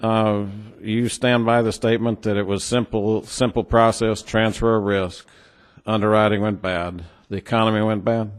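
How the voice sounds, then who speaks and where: A man with a low voice and a West Texas twang questions witnesses as a congressman. His delivery is halting and folksy, with plain words and a skeptical edge. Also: level tone, clear, resonant tone. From New Mexico or West Texas, United States. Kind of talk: formal but folksy hearing questioning.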